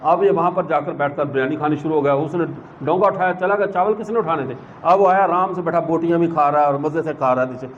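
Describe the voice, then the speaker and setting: Male religious speaker, high-pitched, animated storyteller; slightly dull recording with a faint hiss. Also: few pauses. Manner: animated storyteller who acts out the people in his anecdotes.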